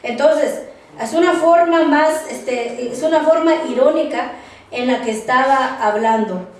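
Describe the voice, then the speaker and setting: A high-pitched woman leads a Bible study lesson, slow and halting, circling back over her words and spelling terms out letter by letter. She is heard from a distance in a very echoey room with faint background noise. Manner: halting, repeats words, tags phrases with "¿verdad?"; spells words out slowly for note-taking. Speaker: Bible class teacher.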